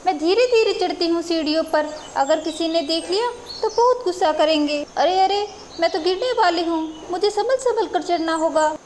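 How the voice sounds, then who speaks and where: A woman doing an excited little village girl. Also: very high voice, moderate pace, hardly any pauses, a little hiss or hum. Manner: excited, wondering.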